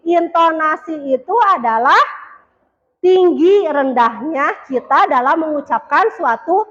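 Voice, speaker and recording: A woman's voice: high voice, animated, measured pace, a bit bright, highs cut off. A woman teacher leading a classroom lesson, asking the pupils questions and repeating their answers.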